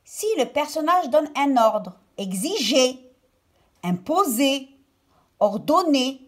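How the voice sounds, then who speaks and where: A woman's voice: high voice, very animated, takes it slowly. A woman primary school teacher giving a recorded lesson to children, explaining step by step and phrase by phrase as if dictating, with stress on key words. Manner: didactic, phrase-by-phrase delivery as if dictating.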